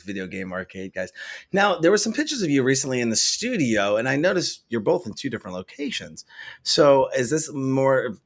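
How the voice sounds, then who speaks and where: A man hosting an interview, asking long, meandering questions in a casual tone. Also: mid-range voice. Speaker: interviewer host.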